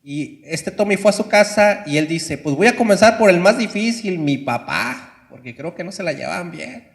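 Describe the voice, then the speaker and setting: A male pastor telling a story in a sermon, dramatic, swinging between loud and soft. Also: high voice, animated, moderate pace.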